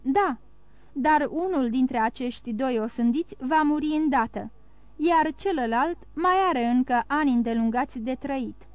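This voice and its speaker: A woman voicing a cold, sardonic aristocratic count who speaks in a measured, icy way. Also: high-pitched, a little mellow, no echo, lightly acted. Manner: cold and measured, bursting into scorn.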